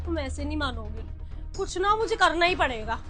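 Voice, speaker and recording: Woman doing a hurt angry young wife, super high voice, loud and accusing, faint music behind. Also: lively intonation, moderate pace. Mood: furious. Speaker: wife in a family skit. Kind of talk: Hindi family skit acting.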